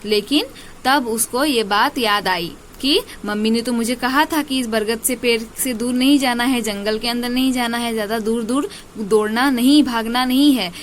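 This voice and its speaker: A woman's voice: fairly high pitch, normal speed, slight background noise. A woman teacher explaining a children's story to her class, repeating points and checking they follow. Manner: repetitive, checking understanding.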